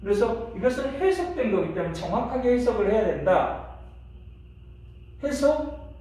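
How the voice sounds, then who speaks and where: A man's voice: high voice, big pitch swings, moderate pace, a little mellow. A middle-aged male pastor teaching a church history class in a chatty way, asking the class questions and laughing now and then. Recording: echoey room, mic from a distance, faint hiss.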